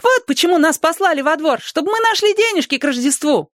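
A sly spirit speaks through a small boy, wheedling and gleeful in a high childish pitch. The recording is dry and close, like a storybook reading. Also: lively intonation, brisk, fairly bright tone, no echo.

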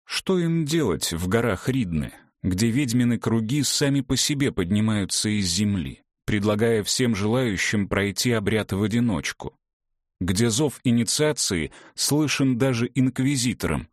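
A man narrates a fantasy audiobook with a fairly low voice, measured and dramatic. The sound is dry and close, with no room around it. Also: animated, dry recording. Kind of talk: scripted narration.

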